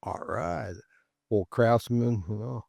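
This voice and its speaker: A man's voice: medium pitch, expressive, slow, vocal fry, darkish tone, no room sound, clean studio sound. A man co-hosting a casual podcast chat, telling rambling anecdotes peppered with chuckles. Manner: rambling anecdotes with laughs and restarts. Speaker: podcast co-host.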